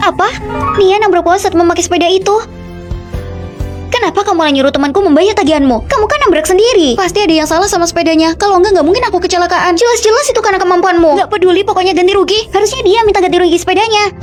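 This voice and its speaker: Brisk female dubber, high bright voice, rapid clipped reads for a short drama. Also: faint music behind. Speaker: voice-over dubber of all roles.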